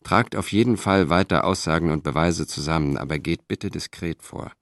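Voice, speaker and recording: A man's voice: deep voice, moderate pace, fairly bright tone, no echo, studio quality. Man as Cicero, proud Roman senator. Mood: urgent. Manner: confident, declaiming.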